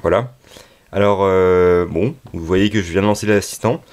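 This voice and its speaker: Man, deep voice, tech tutorial, unscripted, hesitant, frequent pauses. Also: a little mellow. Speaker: tech video presenter. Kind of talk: unscripted app tutorial narration.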